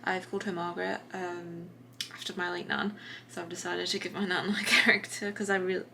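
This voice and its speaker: A woman's voice: on the low side, brisk, creaky, a little hiss or hum. Chatty woman vlogging at home. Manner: relaxed, chatty, many fillers and restarts. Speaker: writing vlogger. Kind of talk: casual vlog narration. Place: home desk.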